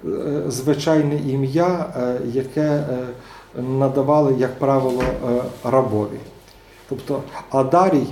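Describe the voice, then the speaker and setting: Man, academic lecture, halting with fillers, mellow tone, faint background hiss. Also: medium pitch. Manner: hesitant, many filler sounds and restarts. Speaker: seminar speaker. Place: seminar room. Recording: echoey room.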